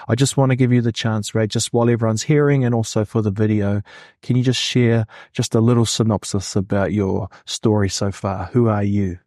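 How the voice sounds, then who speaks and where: Mellow-voiced male podcast host. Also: lowish voice, fairly even intonation, a little fast, dry recording, studio quality. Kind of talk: podcast interview in a classroom.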